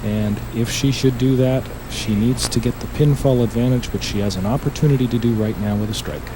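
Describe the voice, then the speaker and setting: A man giving measured, analytical bowling commentary in the restrained manner of a golf commentator. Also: mid-range voice. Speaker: five-pin bowling colour commentator. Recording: noisy bowling alley broadcast.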